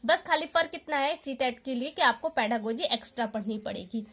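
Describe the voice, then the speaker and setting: High, bright-voiced woman teacher. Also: no echo. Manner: patient, repeats key points, asks and answers her own questions. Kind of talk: exam-prep lesson explaining.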